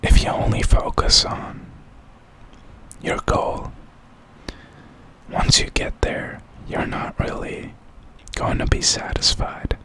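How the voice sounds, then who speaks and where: A man giving a whispered pep talk in ASMR style, speaking in a breathy, unvoiced whisper with an encouraging, reflective manner. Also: slow pace, long pauses, a bit bright, poor audio. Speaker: ASMR creator.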